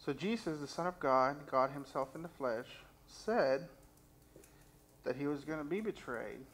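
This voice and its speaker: A young man's expressive, slightly high voice with a fairly bright tone moves a little slowly as he preaches from a church pulpit. He shares his own experiences and reads scripture earnestly, recorded on the sanctuary stage by a pulpit stand mic and a far camera.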